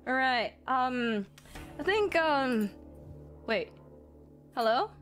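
An excitable, gushing woman chatting casually as the host of a livestream. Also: sits high, drawn-out words, faint music behind.

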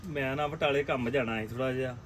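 A man's voice: mid-range voice, steady tone, fast, recorded from a distance, a little hiss or hum, lightly acted. An actor with a Punjabi accent playing an easygoing husband who humors his bossy wife. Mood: humoring. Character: mild, teasing husband of the elder sister.

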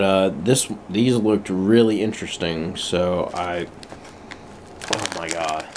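Casting: male, 20s, low-pitched, informal food reviewer, relaxed slangy delivery, home camera with clear background noise. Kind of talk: casual video review, chatting to viewers. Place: small home room indoors. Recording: noisy room, bag crinkling.

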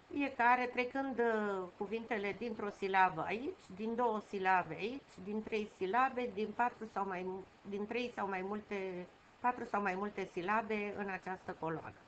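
A woman's voice: mid-range voice, fairly bright tone. Patient woman teacher, dull recording. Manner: patient, repeats key words slowly with fillers. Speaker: primary school teacher. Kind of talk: online lesson for young children. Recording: dull home recording with faint noise.

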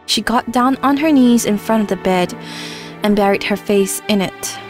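Streamer reading game aloud, earnest, wry asides, faint music. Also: female voice, medium pitch, normal speed, a little mellow.

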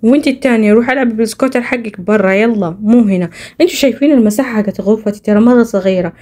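A woman's voice: a little high, rapid-fire, warm tone. A woman voicing herself as an exasperated aunt in a game role-play, scolding the kids.

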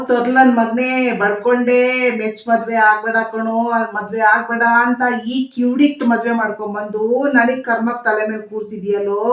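An older mother-in-law, played by a woman in a homespun comedy sketch, exasperated and complaining without end. Her voice sits fairly high and carries loud calls and grumbling laments. The room echoes, and she sounds set back from the mic. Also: far from the mic, close to an everyday voice.

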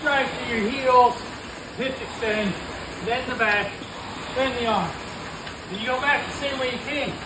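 High-voiced man coaching in echoey barn gym. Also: noisy background. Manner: energetic, instructive, brisk cues. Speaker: fitness coach. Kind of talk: workout vlog narration. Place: large home gym in a barn with metal walls.

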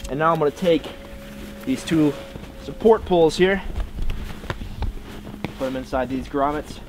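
A man's voice: on the high side, a little slow, background noise. A young man in his twenties hosting a casual bushcraft tutorial outdoors in snowy woods, explaining with frequent ums. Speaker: bushcraft channel host.

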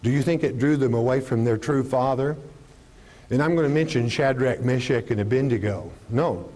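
An older male pastor wearing a lapel mic teaches the Bible with animation in a warm, low-key tone at normal speed. He gestures constantly and poses rhetorical questions he then answers, on a studio stage with a podium and curtain.

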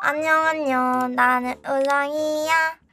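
A woman streamer who has inhaled helium, so her voice comes out as a squeaky chipmunk voice while she chats casually and exclaims in surprise. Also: steady tone, slow, a crowd in the background. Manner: giggly, exclaiming in surprise, playing a prank caller. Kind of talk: casual livestream chat.

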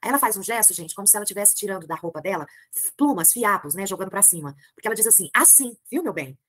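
A woman's voice: mid-range voice, racing, fairly bright tone, no room sound. A Brazilian woman teaching a literature class, chatty and gossipy as she talks to her students. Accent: Brazilian Portuguese.

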